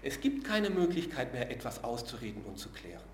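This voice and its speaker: Prediger in hallendem Saal. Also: male voice, medium pitch, sing-song, echoey room, noisy background. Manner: earnest, slows and drops to a hush on key words; uses filler sounds between phrases. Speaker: preacher. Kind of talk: sermon.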